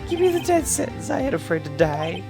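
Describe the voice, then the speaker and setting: A man's voice: high-pitched, sing-song, fairly quick, vocal fry, over music, pitched above the performer's own voice, full character voice. A man voicing a heartbroken, melodramatic young man with a whiny, pleading delivery, reading game dialogue aloud while playing. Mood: despairing.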